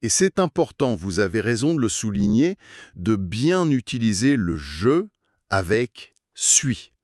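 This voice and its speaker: A deep-voiced man leads a beginner language lesson at an unhurried pace. His pitch moves a lot as he articulates carefully and repeats the key phrases. The sound is dry and close. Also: very animated, darkish tone, no echo. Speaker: French teacher.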